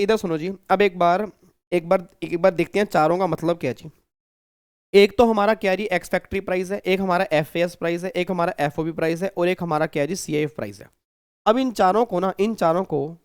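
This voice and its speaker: Chatty high-voiced male teacher. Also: clean tone, dry recording, clean studio sound. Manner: chatty, repeats himself, keeps checking with students. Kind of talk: recorded exam-prep lecture.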